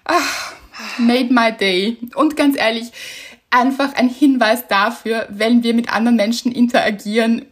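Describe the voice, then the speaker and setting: Woman, podcast co-host, casual chat, animated storyteller, husky. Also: fairly high pitch, a little slow. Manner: animated storytelling, laughs often.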